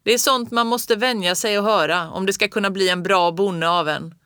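A reader voicing a sour, stern farmer father who calls out loudly over a storm. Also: mid-range voice, clear, resonant tone, no room sound, clean studio sound. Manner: calling out loudly over the wind.

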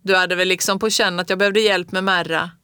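A woman voicing a kindly old rural grandfather who talks slowly and plainly. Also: on the low side, fairly even intonation, sharp tone, clean tone, no echo, studio quality. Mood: gentle. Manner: slow, homely, plain-spoken.

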